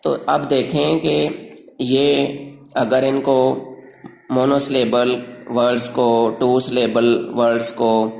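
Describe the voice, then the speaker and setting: A man teaching English rhyming words, reading word lists slowly and drawing out each word. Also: mid-range voice, flat delivery, creaky, darkish tone, echoey room, low-quality recording. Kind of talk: slow recorded grammar lecture.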